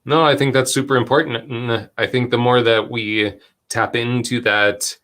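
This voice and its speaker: A man hosting a conversational talk, relaxed and affirming as he builds on his guest's points. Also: mid-range voice, moderate pace.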